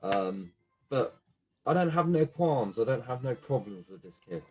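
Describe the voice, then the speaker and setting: A man's voice: medium pitch, big pitch swings, unhurried, rough recording. A young man, a small gaming YouTuber, ranting casually to camera with lots of swearing and fillers. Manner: swears a lot, rambling with many fillers.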